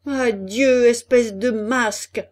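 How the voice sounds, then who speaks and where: Pinocchio, a woman doing a shrill excitable puppet boy. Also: slow pace. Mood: scornful. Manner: high, loud, exclamatory.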